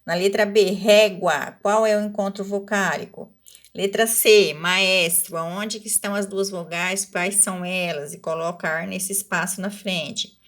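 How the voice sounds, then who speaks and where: A patient woman teacher talking a student through a worksheet at an unhurried pace. She drags out each example word and keeps checking in with a quick tag question. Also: mid-range voice, steady tone, a bit bright. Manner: patient, slow and explanatory, stretching out example words. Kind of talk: recorded Portuguese lesson walking through a worksheet.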